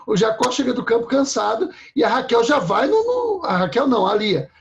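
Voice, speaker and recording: A man's voice: very high voice, big pitch swings, fairly quick, gravelly, dull audio. A man preaching a sermon in a conversational way, often checking in with his listeners.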